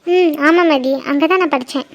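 A woman's voice: high voice, brisk, background noise, lightly acted. Woman voicing a hurt young mother-to-be. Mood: plain. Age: young adult. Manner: earnest, hurt, steadily explaining. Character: young pregnant woman, abandoned by her lover. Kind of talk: cartoon drama voice acting.

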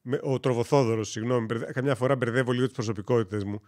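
A man's voice: mid-range voice, fairly even intonation, a little mellow. A man from Greece chatting casually on a gaming live stream, rambling and joking as he tells stories and corrects himself.

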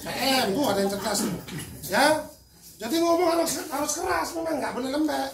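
Loud older man from Madura, crowd around. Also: extremely high pitch, expressive, moderate pace, gravelly. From Madura, Indonesia. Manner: loud, forceful, joking with the audience. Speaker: healer speaking at a charity event. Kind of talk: addressing a crowd. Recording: echoey, distant mic with crowd noise.

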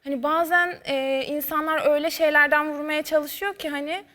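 A woman in her twenties, a studio guest answering in a measured way with frequent hesitations. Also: high-pitched, fairly even intonation, fairly bright tone. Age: 20s. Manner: measured, with many filler hesitations. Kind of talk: interview answers. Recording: long studio reverb.

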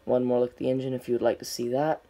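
A man's voice: medium pitch, little pitch movement, racing. A young man giving casual unboxing video commentary in plain, unscripted, short clipped phrases. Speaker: diecast collector reviewing on camera. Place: indoors at a tabletop display. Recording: noisy home recording with clicks.

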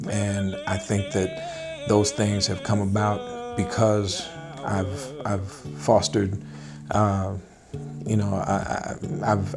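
Middle-aged male musician, low-ish voice, easygoing and reflective interview delivery, guitar music bed behind. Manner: thoughtful, unhurried, many filler pauses. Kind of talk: relaxed interview talk. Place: indoors, wood-paneled room, seated at a table.

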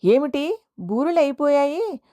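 A woman's voice: high-pitched, big pitch swings, dark tone, dry recording, pitched above the performer's own voice. A woman voicing a playful young husband who teases his wife with mock-innocent replies in an audio story. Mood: teasing. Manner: mock-innocent, deliberately mishearing.

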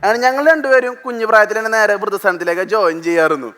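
Fast-talking young man. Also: high voice, smooth. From Thrissur, Kerala. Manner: rapid, animated storytelling with mimicked voices. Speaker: stand-up comedian. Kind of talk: stand-up comedy routine on stage. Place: TV studio stage. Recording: stage mic with music and audience. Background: music and a live audience.

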